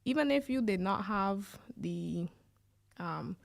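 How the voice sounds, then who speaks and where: A young woman with a Barbadian accent in an informal student radio discussion, haltingly thinking aloud. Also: mid-range voice, expressive, vocal fry, no room sound, studio quality. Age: young adult.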